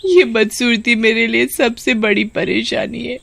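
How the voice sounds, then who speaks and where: A woman's voice: a little high, steady tone, measured pace, gravelly, a bit bright, dry recording, pitched above the performer's own voice, exaggerated voice. A woman voicing a heartbroken young woman speaking through tears in a cartoon story. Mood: tearful. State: crying.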